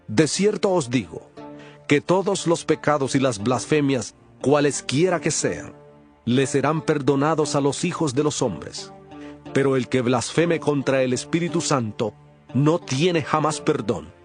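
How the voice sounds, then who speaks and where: A man's voice: fairly high pitch, natural voice. A man voicing Jesus, solemn teacher. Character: Jesus, grown man teaching with calm authority. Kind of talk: dramatized audio Bible reading.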